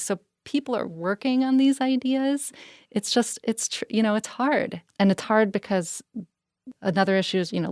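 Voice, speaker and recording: A woman's voice: fairly low pitch, gravelly, dry recording, studio quality. A woman, a flower farmer, talking casually in an interview and explaining things with many "you know" fillers.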